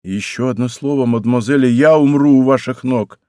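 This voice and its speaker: A man voicing a young king who is jealous and desperate, speaking with impassioned, loud outbursts in an audiobook. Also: medium pitch, fairly quick, dry recording, studio quality, lightly acted. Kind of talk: audiobook character voice.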